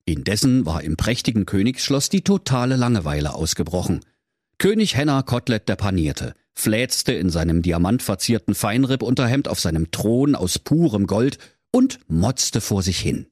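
A man's voice: lowish voice, very animated, normal speed, darkish tone, husky, dry recording, studio quality. A man with a Berlin accent narrating a comedic fairy tale in a playful, theatrical way. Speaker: storyteller.

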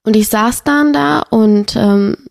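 A woman's voice: fairly high pitch, takes it slowly, gravelly. A young adult woman, a podcast guest, telling a painful personal story with feeling in a casual chat. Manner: emotional, animated storytelling.

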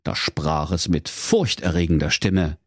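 A man's voice: low voice, unhurried, husky, no room sound, studio quality. A man narrating a comic fairy tale playfully and theatrically, full of wordplay. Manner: playful, theatrical, pun-filled. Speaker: storyteller.

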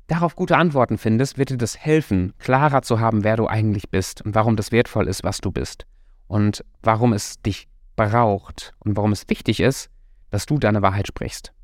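A man's voice: on the low side, moderate pace, dry recording, clean studio sound. A man giving a motivational talk as a coach, speaking directly and encouragingly to the listener and stretching his key words.

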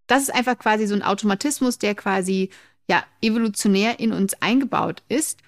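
A woman talks through a topic on her podcast in a relaxed, explanatory way, often breaking into a laugh. Her voice sits at an ordinary middle pitch. The sound is close and dry, with no room around it. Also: a little fast, dry recording. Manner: chatty, explanatory, laughs easily. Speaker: podcast co-host, memory trainer.

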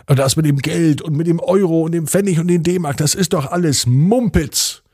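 A man's voice: on the high side, normal speed, darkish tone, slightly rough, dry recording, studio quality, voice pushed up. A man doing a grumbling old neighbour. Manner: grumbling, scolding. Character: grumpy old male neighbour, old-fashioned.

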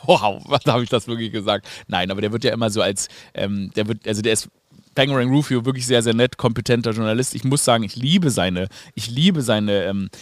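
A man's voice: medium pitch, no echo. A man hosting a podcast, talking in a casual comedic monologue full of ironic asides and fillers.

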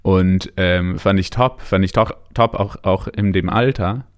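Male interview guest, low register, British English accent in German, halting casual delivery sprinkled with English words. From Canada and England.

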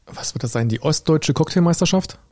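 A German-accented man in casual podcast chat who talks quickly and drops dry one-liners. The recording sounds dry and close. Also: a little high, lively intonation, darkish tone, no echo. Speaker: podcast co-host.

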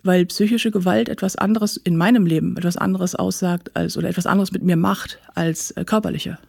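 A woman's voice: lowish voice, fairly even intonation, a little fast, gravelly, darkish tone, no room sound, studio quality. A woman guest recounting her own painful experiences candidly and matter-of-factly in an interview. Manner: candid, matter-of-fact about painful events. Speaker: guest, author. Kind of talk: personal interview account.

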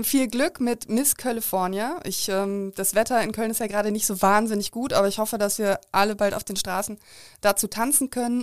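A woman hosting an interview podcast, friendly and measured as she reads out listener questions. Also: medium pitch, no echo, studio quality.

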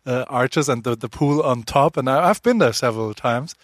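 A man's voice: mid-range voice, moderate pace, no echo. Man, podcast host, casual interview, playful teasing, chatty, dry sound.

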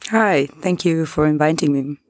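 A young woman from Chile, answering interview questions as a guest in a hesitant way, with many pauses and restarts. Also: low voice, darkish tone, no room sound, clean studio sound. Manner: hesitant, many fillers and restarts, laughs lightly. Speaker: guest, delivery rider.

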